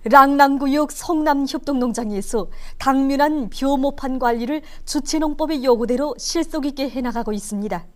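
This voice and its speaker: A woman announcer with a North Korean accent delivers scripted news. Her voice sits fairly high, and her delivery is formal and declamatory. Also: moderate pace, hardly any pauses.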